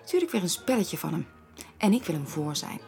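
A woman in her thirties, a mother, speaking in film dialogue in a lively manner that turns indignant easily. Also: on the low side, soft background music. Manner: lively, quick to get indignant. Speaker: mother and voice actress.

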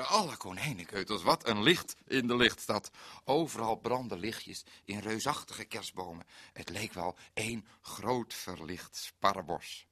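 A man's voice: lowish voice, pushed and bright, dry recording, studio quality, full character voice. An actor playing a naive, bumbling male forest ranger in a radio comedy monologue, with fussy, odd exclamations. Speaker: comic storyteller.

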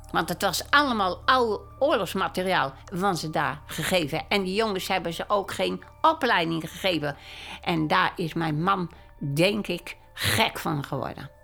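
An older woman, a widow, speaking plainly and haltingly in a candid documentary interview, often stumbling and repeating words. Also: lowish voice, expressive, gravelly, fairly bright tone, soft background music.

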